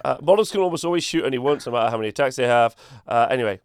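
A man's voice: mid-range voice, animated, racing, smooth, no echo, clean studio sound. A man co-hosting a casual tabletop gaming podcast, reading rules aloud and talking hesitantly with many fillers. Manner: hesitant, filler-heavy, laughs easily. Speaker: co-host.

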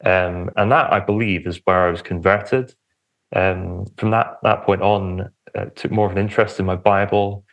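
Young male podcast guest, slightly low voice, hesitant conversational testimony. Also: fairly even intonation, moderate pace, dull audio. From England, Romford in Essex on the edge of London. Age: young adult. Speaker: podcast guest, church minister.

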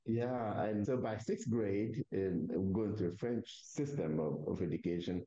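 A man's voice: on the low side, measured pace, mellow, dull audio. A man from Togo with a Togolese accent, a native Kabiye speaker, telling his story conversationally as an interview guest and often restarting his phrases.

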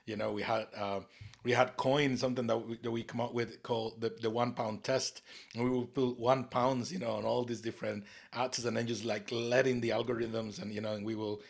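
Enthusiastic podcast host. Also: male voice, medium pitch, level tone, a little fast, gravelly. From Costa Rica. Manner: enthusiastic, rambling, many fillers. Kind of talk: casual podcast hosting.

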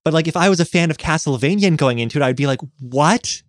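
A man's voice: a little high, racing, no room sound, studio quality. A man co-hosting a podcast, riffing sarcastically and sounding exasperated in a casual chat. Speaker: podcast co-host.

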